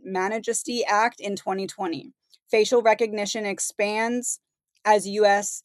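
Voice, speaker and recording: In studio-quality audio without echo, a mid-range female voice reads headlines and comments on them in a casual, conversational way. She hosts her own channel and is losing her voice.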